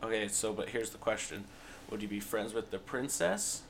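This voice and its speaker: A young man hosts a casual podcast with a low voice that has a gravelly edge. He teases his guests and argues his case with conviction. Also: moderate pace, a little hiss or hum. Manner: teasing, argumentative. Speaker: podcast host. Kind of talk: casual chat.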